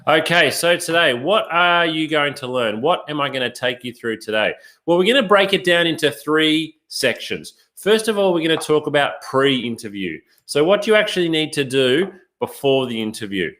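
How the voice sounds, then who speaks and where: A middle-aged man coaches job seekers in a live online workshop, his voice sitting a little higher than most men's. He talks in an upbeat, emphatic way and keeps turning to his viewers with rhetorical questions. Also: animated, normal speed, a bit bright. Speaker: career coach.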